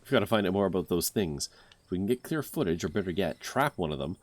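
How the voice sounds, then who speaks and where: A man's voice: low voice, expressive, quick pace, no room sound. A man voicing an eager, determined young woman. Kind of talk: voicing game dialogue.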